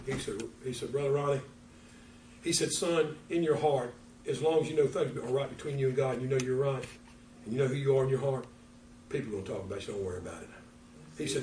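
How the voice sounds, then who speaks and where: An older man preaching a folksy, animated sermon as pastor, acting out little conversations. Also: medium pitch, a little hiss or hum. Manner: folksy, animated, acts out dialogue. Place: church. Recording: echoey church room from far off.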